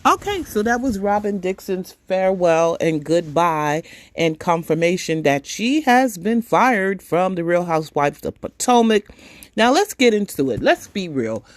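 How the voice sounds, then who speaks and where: A man's voice: sits high, animated, a little slow, dry recording. Chatty man hosting a gossip podcast. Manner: chatty, reads an article aloud. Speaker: podcast host. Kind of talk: casual commentary.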